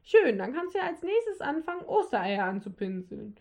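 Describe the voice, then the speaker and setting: A woman voicing a gruff male Christmas elf who makes dry, grumbling remarks. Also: high voice, very animated, moderate pace, darkish tone, pitched above the performer's own voice, exaggerated voice.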